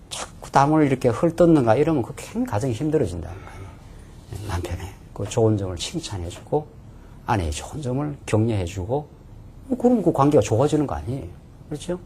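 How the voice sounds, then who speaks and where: A man's voice: medium pitch, darkish tone, husky. A man pastor giving a conversational Bible lecture sermon, often adding affirming asides and rhetorical questions.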